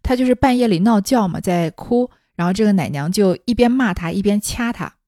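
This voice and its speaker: A woman's voice: mid-range voice, lively intonation, fairly quick, dark tone, no echo, studio quality. A woman reading a classic novel aloud and adding chatty, explanatory commentary. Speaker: storyteller.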